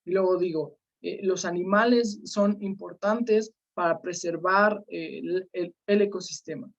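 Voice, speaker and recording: A woman teaching an online class, calling on students by name and filling pauses with "este" and "eh". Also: fairly low pitch. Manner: questioning students by name, many fillers. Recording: slightly dull lo-fi sound.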